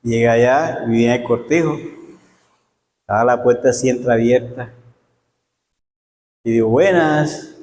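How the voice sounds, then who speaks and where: A man's voice: mid-range voice, fairly even intonation, normal speed, pauses often, darkish tone. A man preaching a Sunday school sermon as a pastor, folksy and joking, calling on the congregation to answer him. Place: church hall. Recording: echoey church hall reverb.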